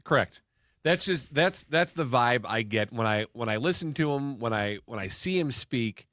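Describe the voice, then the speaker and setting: A man's voice: mid-range voice, lively intonation, moderate pace, fairly bright tone, dry recording, studio quality. Earnest male sports podcast co-host. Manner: earnest, repeats words while thinking aloud. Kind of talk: casual sports talk.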